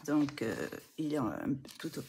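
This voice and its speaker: Hesitant, gravelly woman vlogger. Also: deep voice, lively intonation, unhurried, darkish tone, slight background noise. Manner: hesitant, many fillers and restarts, laughs at herself. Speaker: coloring hobby vlogger. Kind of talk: casual show-and-tell.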